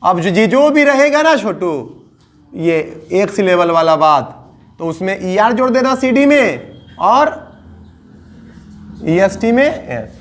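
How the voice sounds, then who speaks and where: A man's voice: high voice, sing-song. A man with a Bihari Hindi accent teaching English grammar to a class, coaxing and repeating, drawing out the endings of words. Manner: coaxing, repetitive teaching with drawn-out word endings.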